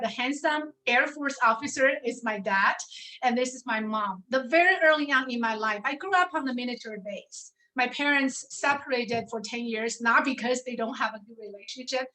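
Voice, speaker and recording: A woman's voice: high voice, poor audio. A woman in her forties from China, a professor telling her life story on a video call and often asking "right?". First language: Chinese. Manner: warm storytelling, tag questions like "right?". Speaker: professor and panel speaker. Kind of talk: personal presentation on a video call.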